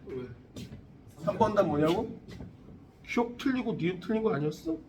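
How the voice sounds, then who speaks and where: A man in his forties teaching a high school science class, blunt and teasing, swearing often. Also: expressive, moderate pace, a little mellow. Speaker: science tutor. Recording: classroom recorded from a distance, faint room noise.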